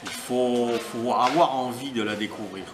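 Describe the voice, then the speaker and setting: A middle-aged man from France, answering interview questions in a thoughtful, measured and lyrical way with pauses. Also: mid-range voice, background noise. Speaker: interviewee helping at a family guesthouse. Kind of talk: casual interview. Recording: roomy sound with crowd chatter behind.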